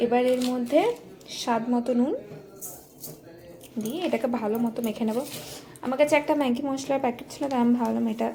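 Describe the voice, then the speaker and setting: A woman's voice: a little high, steady tone, fairly quick, gravelly, pauses often, warm tone. A young woman vlogging at home, walking viewers through a recipe step by step in a home kitchen. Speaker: family vlogger. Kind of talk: casual home vlog, cooking talk.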